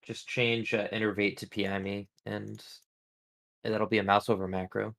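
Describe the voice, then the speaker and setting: A man on game voice chat calmly explaining a setup in a matter-of-fact way. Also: lowish voice, moderate pace, gravelly. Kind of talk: voice chat while gaming.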